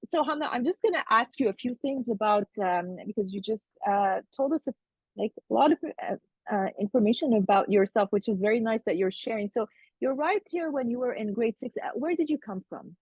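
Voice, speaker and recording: A woman's voice: on the high side, animated, fairly quick, breathy edge, no room sound. A woman interviewing a guest in casual conversation, talking in a chatty way with lots of fillers and restarts over a video call. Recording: tinny phone-like line, dry.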